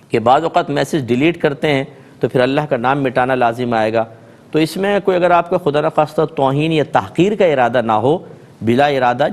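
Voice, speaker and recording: A middle-aged man with a Pakistani Urdu accent answers viewers' religious questions on a TV show. He reads each question aloud, then explains his answer in an easy, conversational way. His voice sits at an ordinary pitch for a man. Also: a little mellow. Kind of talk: televised religious Q&A. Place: TV studio.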